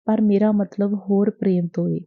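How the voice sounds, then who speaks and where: A woman's voice: medium pitch, steady tone, normal speed, close to an everyday voice. A woman voicing an earnest, lovesick young man in an audiobook, close to her own voice. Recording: dry, tinny phone-like sound.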